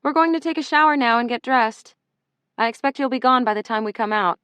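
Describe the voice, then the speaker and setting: A woman's voice: mid-range voice, very animated, normal speed, no room sound, highs cut off. A woman narrator voicing a wronged female editor who speaks firmly and in clipped, barely controlled lines. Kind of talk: audiobook character reading.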